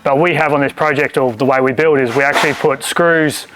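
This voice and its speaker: A man's voice: medium pitch, steady tone, fairly quick, background noise. An Australian man, a builder, explaining things casually and practically as he presents a site walkthrough. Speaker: builder co-hosting a home-building show.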